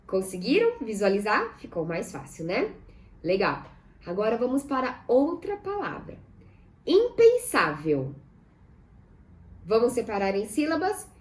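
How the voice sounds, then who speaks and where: A Brazilian woman teaching a recorded lesson to schoolchildren. She talks slowly, stretching words out syllable by syllable and putting questions to her pupils. Her voice sits a bit high and swings widely in pitch. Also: huge pitch swings. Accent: Brazilian Portuguese.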